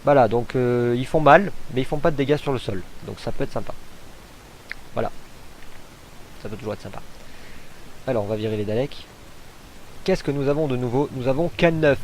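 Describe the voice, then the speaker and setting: A man's voice: mid-range voice, normal speed, long pauses, darkish tone, a little hiss or hum, low-quality recording. A man casually commenting on gameplay as he demonstrates a game mod, chatty and hesitant, thinking aloud with fillers. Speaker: gamer showcasing a mod.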